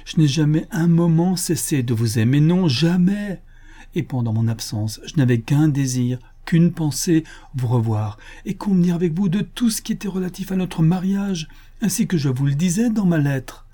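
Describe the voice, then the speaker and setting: A man's voice: on the high side, animated, normal speed, dark tone, voice pushed up. A man voicing an earnest, anguished young man pleading with his beloved, in an audiobook reading. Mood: fervent. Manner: pleading, fervent.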